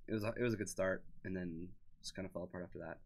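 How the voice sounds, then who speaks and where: A man co-commentating a card game stream in a relaxed, casual way, often repeating words as he starts a sentence. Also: low-pitched, very fast.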